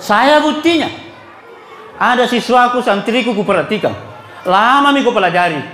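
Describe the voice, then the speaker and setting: A man's voice: very high-pitched, lively intonation, normal speed, bright, forceful tone, a little hiss or hum. A middle-aged man with a South Sulawesi Indonesian accent, preaching at a religious gathering in a joking, storytelling way and putting questions to the audience. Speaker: Islamic preacher. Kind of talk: humorous sermon with anecdotes. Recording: echoey hall with audience murmur.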